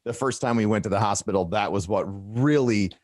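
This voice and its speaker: A man interviewing a guest, enthusiastic and a little halting with restarts. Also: fairly low pitch, a little mellow, no echo.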